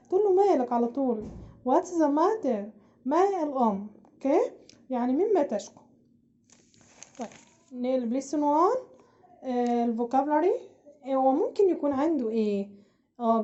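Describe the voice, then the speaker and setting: Egyptian woman, primary English teacher, mellow high voice, slightly dull lo-fi sound. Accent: Egyptian Arabic. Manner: drawn-out, drilling words for children to repeat. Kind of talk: slow primary English lesson with Arabic explanation.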